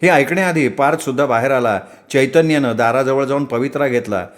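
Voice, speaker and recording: A man's voice: mid-range voice, fairly quick. A man narrating a story with dramatic, vivid delivery.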